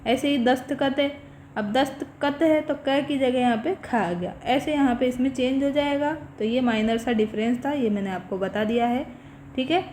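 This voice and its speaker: Higher-voiced woman teaching a revision class. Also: moderate pace, darkish tone, slight background noise. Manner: explains step by step, often checks with "theek hai". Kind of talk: exam revision lecture. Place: online class recording.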